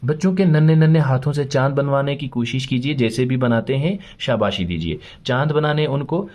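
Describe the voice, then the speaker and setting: A man's voice: mid-range voice, a little mellow. Patient male teacher spelling out letters. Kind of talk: children's alphabet lesson.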